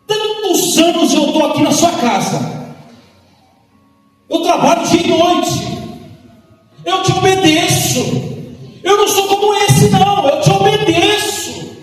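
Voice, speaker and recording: A man's voice: very high voice, slow pace, darkish tone, faint music behind, voice pushed up. A man voicing a resentful, jealous older brother who complains indignantly and laughs mockingly. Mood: complaining. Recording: echoey hall from far off.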